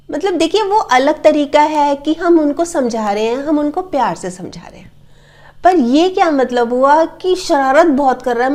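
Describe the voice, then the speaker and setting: High-pitched middle-aged woman giving earnest parenting tips, acts out scolding parents. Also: darkish tone. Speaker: parenting advice channel host. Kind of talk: casual advice talk to camera.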